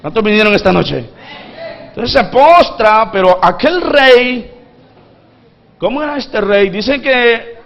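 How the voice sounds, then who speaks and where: A man's voice: high voice, expressive, takes it slowly, long pauses, fairly bright tone. A man pastor from Honduras preaching a sermon, calling for responses from the congregation and acting out pleading voices from the story. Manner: acts out pleading voices from the parable.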